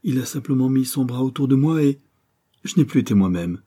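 A man's voice: mid-range voice, animated, brisk, mellow, slightly rough, pitched above the performer's own voice. A man reading an audiobook voices a young woman torn by love, with a trembling, plaintive delivery. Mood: pleading.

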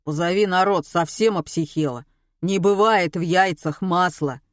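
A slow-witted male radio caller, voiced by a woman reading an audiobook, blunt and slangy. Her voice stays fairly low and close to her own, with a dry sound. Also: dry recording, natural voice. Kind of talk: audiobook character voice.

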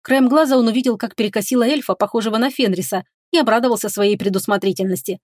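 A woman's voice: fairly high pitch, quick pace, darkish tone, dry recording, clean studio sound. Woman narrating a fantasy audiobook.

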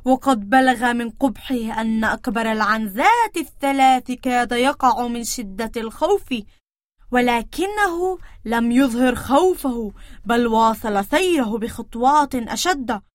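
Woman storyteller for children, high pitched, animated sound effects, dry studio. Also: no room sound. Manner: expressive, acting out sounds.

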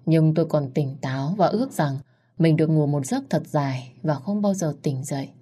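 A woman's voice: sits low, moderate pace, warm tone, slightly rough. A woman narrating a dramatic family story in the first person.

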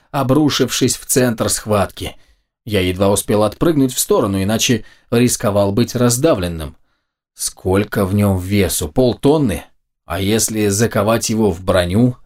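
A man reads a fantasy audiobook in the first person, his voice sitting low. He tells the story in a steady, measured way. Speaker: audiobook narrator.

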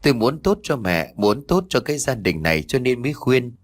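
A grown, rowdy son in an audio story, played by a male narrator. He grumbles, puzzled and resentful, in a lively, everyday voice. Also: medium pitch, brisk. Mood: complaining. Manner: complaining.

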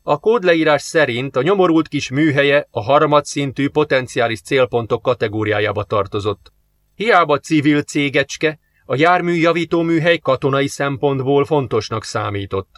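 A man at a middling pitch narrates an audiobook with a steady, measured delivery. The sound is close and dry, with no room around it. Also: dry recording. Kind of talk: scripted narration.

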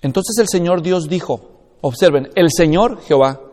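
A man's voice: a little high, moderate pace, a little mellow. Man teaching a Bible class in a hall. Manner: explanatory, checks understanding with questions.

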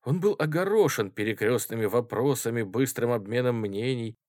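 A man narrates a novel in a lively, expressive reading voice, with pitch moving freely through each sentence. He gives every character a voice of its own. The recording is dry and close to the mic. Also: moderate pace, no echo. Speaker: audiobook reader.

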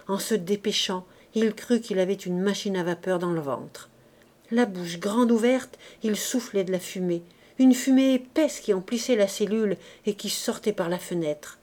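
Woman narrating a classic novel expressively. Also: medium pitch. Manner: expressive, dramatic reading. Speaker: audiobook reader. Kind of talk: literary audiobook narration.

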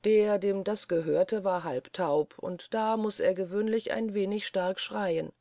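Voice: mid-range voice, unhurried, no room sound, lightly acted. A reader voicing a dry, sly old servant. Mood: sardonic. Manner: calm, dry, sardonic. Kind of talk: audiobook character voice.

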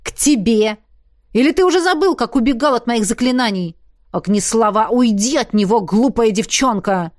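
A woman voicing an angry, hot-headed young male magic enforcer who shouts accusations in a storybook reading. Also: medium pitch, brisk, close to an everyday voice. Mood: angry shouting.

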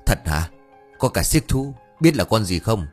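An old village master with a short fuse, played by a male narrator scolds bluntly, his voice husky and lively. His tone swings quickly between nagging and curiosity. Soft music runs under the storytelling. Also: lowish voice. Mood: scolding.

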